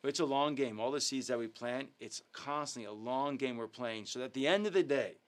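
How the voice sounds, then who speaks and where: A man of ordinary pitch hosts a youth ministry livestream. He talks in a casual, earnest and upbeat way, filling his sentences with ums and uhs. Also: fairly quick. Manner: filler-heavy, earnest, upbeat. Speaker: youth ministry leader and host. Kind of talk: casual livestream talk with devotional teaching.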